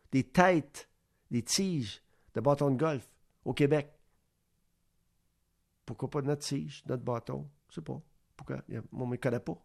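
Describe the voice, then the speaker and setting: A man's voice: mid-range voice, creaky, darkish tone. A man with a Quebec French accent, hosting a sports radio show and rambling through an opinion monologue full of rhetorical questions. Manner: rambling, asks rhetorical questions, acts out little exchanges.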